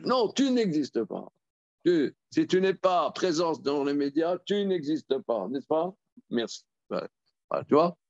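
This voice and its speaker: Rabbi leading a study class, higher voice, halting delivery with repeated words, dry and dull lo-fi recording. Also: male voice, very animated, darkish tone, no echo. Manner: halting, repeats words, reads verses aloud and then explains. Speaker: rabbi teaching a Torah class. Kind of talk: Talmud study lesson.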